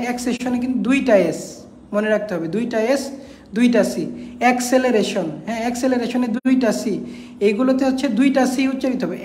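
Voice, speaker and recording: A woman with a somewhat high voice teaches an exam-prep English class. She spells each word out letter by letter and repeats the main points for her students. The room around her sounds echoey and roomy. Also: a little mellow, a little hiss or hum.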